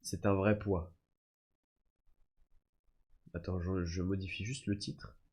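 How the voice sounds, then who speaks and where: A man's voice: low voice, steady tone, slow, a little mellow, husky. A young French man streaming live, telling stories to his viewers in a slangy, casual way, calling them "les gars" and "frère". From France. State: often sick. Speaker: livestreamer. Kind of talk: casual storytelling chat.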